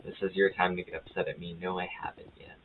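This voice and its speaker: A man streaming a video game live, chatting casually with a friend, rambling and correcting himself mid-sentence, and getting excited at small finds. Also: low voice, quick pace. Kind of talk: casual chat while gaming live. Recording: tinny phone-like audio with faint hiss.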